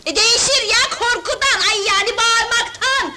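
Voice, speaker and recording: A brash, high-voiced street girl. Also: normal speed. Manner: loud, brash, slangy, teasing. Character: brash streetwise young woman, bold, pushy. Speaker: newly married wife in a film. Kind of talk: 1970s film dialogue. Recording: noisy old film soundtrack.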